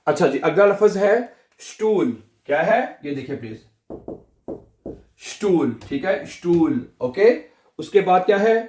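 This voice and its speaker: A man teaching a language lesson, repeating each word slowly and asking and answering his own questions. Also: high voice, expressive, darkish tone, reverberant.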